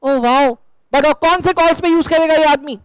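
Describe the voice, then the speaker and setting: A man's voice: extremely high pitch, moderate pace, a little hiss or hum, rough recording. A man teaching an accounts class to students in a classroom. He quizzes them often and jokes along the way. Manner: joking, quizzing students, mixing English terms. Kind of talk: classroom lecture.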